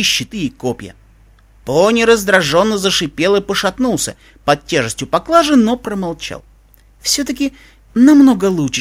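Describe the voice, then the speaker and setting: A man narrating a story in an expressive, animated way. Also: sits high.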